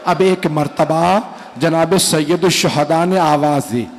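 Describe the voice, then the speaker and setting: A man's voice: a little high, slow pace. A man, a cleric, delivering a mournful Muharram majlis sermon and speaking straight to his listeners. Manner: mournful, emotional storytelling that addresses the audience directly.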